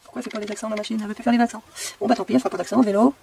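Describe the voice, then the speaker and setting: Creaky-voiced woman chatting while crafting. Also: fairly high pitch, steady tone, very fast, warm tone, a little hiss or hum. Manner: thinks aloud, repeats her own phrases in a sing-song way. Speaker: crafting video maker. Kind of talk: casual talk while crafting.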